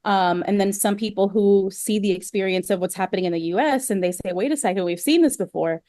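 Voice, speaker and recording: A woman's voice: medium pitch, a little fast, mellow, no room sound. A young adult woman from Venezuela, a historian talking casually in an interview, with many fillers and restarts. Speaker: guest historian.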